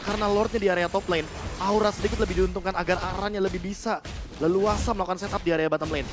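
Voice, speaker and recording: A man's voice: sits high, fairly even intonation, fast. A man giving emphatic, explanatory tactical commentary as an esports analyst. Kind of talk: detailed tactical game commentary. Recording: music behind the voice. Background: music.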